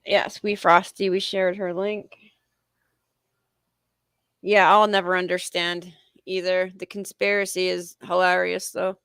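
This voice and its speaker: A woman's voice: fairly low pitch, level tone, a little slow, fairly bright tone, smooth, no echo, studio quality. A woman co-hosting a livestream, making blunt, wry remarks in casual chat. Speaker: livestream co-host.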